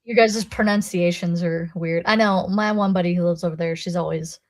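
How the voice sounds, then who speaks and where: An American woman in her thirties hosting a casual podcast, telling animated stories, swearing and laughing a lot. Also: fairly low pitch, a little fast. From United States. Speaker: podcast host. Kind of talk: casual chat.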